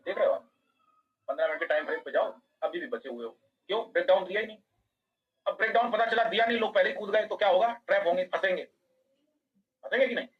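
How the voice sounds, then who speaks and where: A man teaching a live online trading class, talking fast in a high, husky voice. He explains a chart point by point and checks with students by name whether they understand. The sound is dull and lo-fi.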